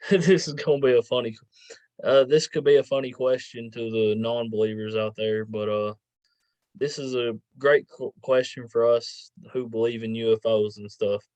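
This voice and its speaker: The recording is dull and dry, with little room around the voice. A man hosts a casual podcast interview in an informal, slightly halting way. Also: medium pitch, fairly even intonation, a little mellow, no echo. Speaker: podcast host. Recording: dull lo-fi sound.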